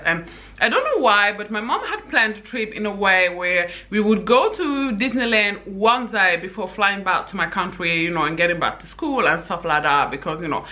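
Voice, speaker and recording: Young woman from senegal chatting to camera, bright voice, lively and chatty, loads of "you guys". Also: mid-range voice. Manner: animated, addresses viewers as "you guys", frequent laughs and asides. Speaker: YouTuber. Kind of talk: casual chatty vlog storytelling.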